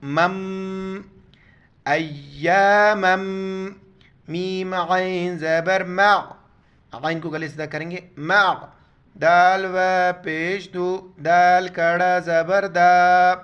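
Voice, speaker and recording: Man, Quran recitation teacher, spelling letters word by word, slow drawn-out recitation, smooth clear voice. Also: high voice, little pitch movement, a bit bright, lo-fi sound. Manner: spells out letters and vowel marks, then slowly draws out each recited word.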